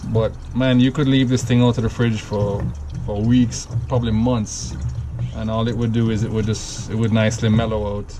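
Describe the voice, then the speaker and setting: A Jamaican home cocktail vlogger with a Jamaican accent casually walks through a drink recipe step by step, rambling and correcting himself. His fairly low male voice has little pitch movement, a moderate pace, and few pauses, with background noise present.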